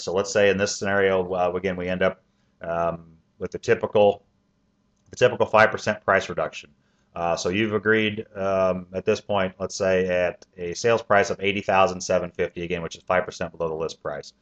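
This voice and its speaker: A man with a very low voice pitches a home loan plan, walking through the figures one at a time. He fills his pauses with plenty of "uh" and "um". The recording sounds dull and lo-fi. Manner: steady step-by-step explaining with frequent "uh" and "um" fillers. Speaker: mortgage loan officer. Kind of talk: sales pitch explaining a financing plan.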